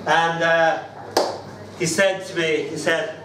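An older Irish man, a poet hosting an open mic, performs live on a small indoor stage, his high voice rambling along theatrically like a storyteller's, with little pitch movement and a slow pace. A far-off camera captures him in a roomy, noisy space.

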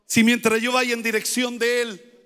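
Man, pastor, sermon, very high voice, emphatic and repetitive, long hall reverb. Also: monotone, normal speed, smooth. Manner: emphatic, repeats phrases, rises to shouted pleas.

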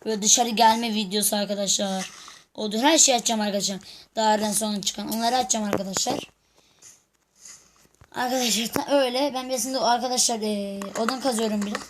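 Woman, fairly high voice, casual game commentary, halting restarts, muffled, phone mic, steady hiss behind. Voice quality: somewhat muffled voice. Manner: addresses viewers constantly, halting with restarts. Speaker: gaming video creator. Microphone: phone recording.

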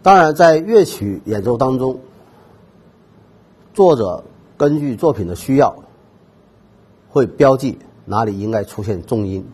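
A man's voice: medium pitch, expressive, unhurried, pauses often, a little mellow, breathy edge. A man giving a trumpet lesson, explaining technique patiently and stressing the key points. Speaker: trumpet teacher. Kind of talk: instructional music lesson narration.

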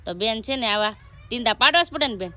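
ચબરાક, ખુશમિજાજ કાઠિયાવાડી ગામડાની વ્લોગર સ્ત્રી. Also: female voice, fairly high pitch, expressive, fast, sharp tone. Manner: chatty, teasing, addresses viewers as family. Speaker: family vlogger. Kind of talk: casual cooking vlog narration. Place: village home by a wood-fire stove.

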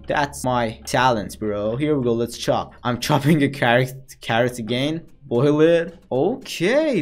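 A man commenting casually on his game play, chatty and playful, often talking to the characters as if they could hear him. His pitch swings about a lot, from high, surprised jumps to low asides. Soft music plays behind him. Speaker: gaming commentator. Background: background music.

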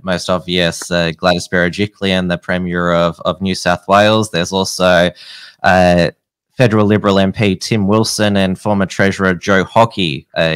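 Australian man, 30s, interview host, low smooth voice, dry close studio mic. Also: a bit bright, dry recording. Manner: halting, many fillers and restarts. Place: home studio. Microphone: studio mic on a boom arm.

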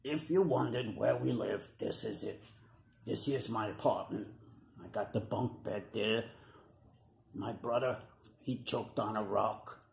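A man's voice: on the low side, measured pace, reverberant, slight background noise. A man performing a wisecracking male prairie dog puppet who talks in a chatty, streetwise New York tough-guy way, recorded on a webcam in a room at home. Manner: gravelly, chatty tough-guy patter with slang. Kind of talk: puppet comedy sketch.

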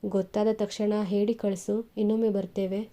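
A woman reading as a quiet grieving father. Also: mid-range voice, flat delivery, normal speed, close to an everyday voice. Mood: consoling. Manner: gentle, restrained consoling. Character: aging father, quietly consoling, holding back grief.

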